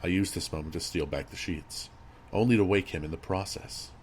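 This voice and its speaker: A man reading a scripted horror story as narrator, in a measured, grave storytelling manner. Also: sits low. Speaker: creepypasta narrator. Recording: audible background noise and ambience.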